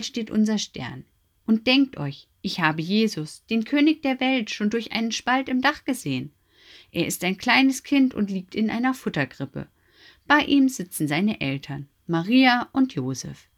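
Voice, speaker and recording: A woman's voice: medium pitch, voice pushed up. A woman doing a wise, eager owl. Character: wise, helpful female owl guide.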